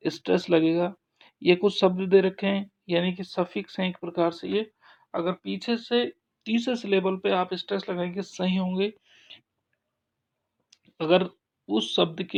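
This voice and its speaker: A man talks through a grammar lesson at a very slow, deliberate pace. His voice has a gravelly edge, and he often pauses or restarts mid-sentence. The recording sounds dull and lo-fi. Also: high-pitched. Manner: slow, halting explanation with frequent restarts. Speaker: English teacher.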